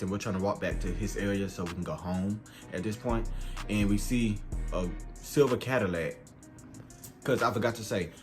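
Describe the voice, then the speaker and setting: A young man with a fairly low voice tells a story in a loose, rambling, slangy way. Faint music plays behind him. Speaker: vlogger. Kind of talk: storytime vlog.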